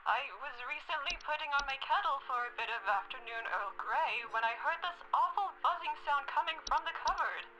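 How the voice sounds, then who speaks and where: A woman's voice: high-pitched, animated, fairly quick, hardly any pauses. A young woman voicing a polite, worried elderly caller in a game, with a put-on old person's voice over a telephone line. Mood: genteel worry. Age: young adult. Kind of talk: scripted phone-call voice acting in a game. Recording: telephone call with faint noise.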